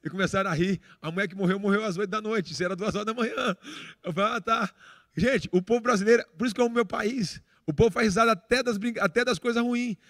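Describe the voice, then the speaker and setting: Clean, dry studio sound captures a middle-aged Brazilian man delivering a sermon with personal storytelling. His voice sits high and moves fast, with a Brazilian Portuguese accent, as the pastor animatedly performs dialogue and frequently restarts.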